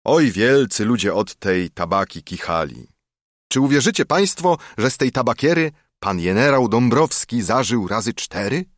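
A sly old friar holding forth to a crowded tavern, voiced by a man reading a verse epic, his speech rising and falling in lively swings. He sounds hearty and oratorical, and the dry, close recording keeps every word near. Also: mid-range voice, moderate pace, no echo, lightly acted. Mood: boastful. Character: old Bernardine friar, sly persuasive storyteller.

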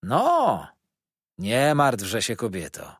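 A man voicing a kindly, good-humored fisherman who soothes with calm, unhurried words. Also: medium pitch, husky, no echo, clean studio sound, full character voice. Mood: soothing. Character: kindly gruff fisherman, middle-aged man.

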